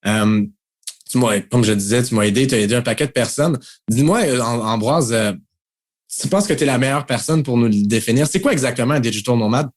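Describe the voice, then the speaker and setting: Laughing Québécois host. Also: male voice, mid-range voice, fairly quick. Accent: Québécois French. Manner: friendly, laughs often, many fillers. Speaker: podcast host. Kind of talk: casual interview.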